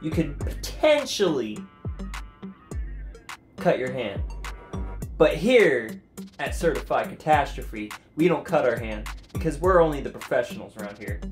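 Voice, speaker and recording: A young man hosting a comedic home cooking vlog, goofy and jokey, sometimes breaking into loud mock commands, filmed in his kitchen on a camera mic. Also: a little high, sing-song, normal speed, reverberant, faint music behind. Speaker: cooking video host.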